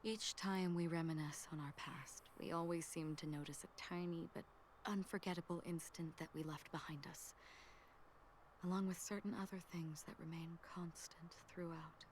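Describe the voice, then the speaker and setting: A gentle young woman, voiced by an actress narrates a farewell in a soft, breathy game voice, drifting between murmur and whisper. Her voice sits somewhat low, with a faint hiss underneath. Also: steady tone, normal speed, natural voice. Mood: wistful. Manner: hushed, half-whispered, wistful.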